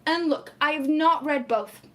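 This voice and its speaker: This is casual live chat from a young Portuguese woman speaking English as a non-native. Her voice is high and fairly bright, her pace measured, and she's talkative, reading comments aloud, laughing often and leaning heavily on "like."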